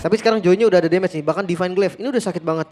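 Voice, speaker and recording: A man's voice: high voice, racing, a little mellow. An Indonesian man giving live game analysis as an esports commentator. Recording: music behind the voice. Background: music.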